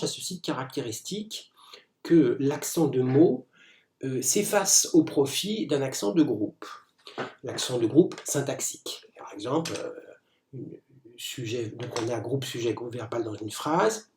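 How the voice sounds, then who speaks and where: A man's voice: medium pitch, darkish tone, roomy sound. A man teaching in a recorded lecture video, explaining step by step with many fillers and restarts. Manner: explanatory, didactic.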